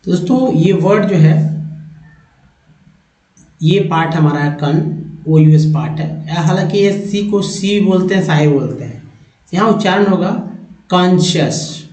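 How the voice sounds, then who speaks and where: A man teaching English spelling and pronunciation in a slow, deliberate classroom style. He repeats each word three times and keeps checking that his viewers follow. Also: high voice, darkish tone. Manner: addresses viewers as friends, often checks with "ठीक है". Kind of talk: spoken classroom lesson. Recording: roomy, dull lo-fi sound.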